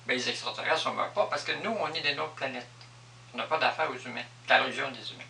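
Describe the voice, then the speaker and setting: This vlogger is a man with a Quebec French accent whose mid-range voice is fast, gravelly and sharp. He explains his personal spiritual beliefs off the cuff, emphatically and repetitively, recorded on a distant mic in an echoey room with slight background noise.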